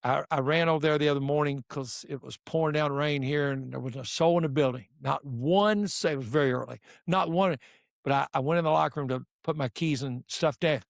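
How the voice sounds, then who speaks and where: A man's voice: on the high side, fairly quick, vocal fry, dry recording, studio quality. An older man, a basketball coach telling stories in casual conversation and acting out the dialogue. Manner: animated storyteller acting out dialogue. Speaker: podcast guest, basketball coach.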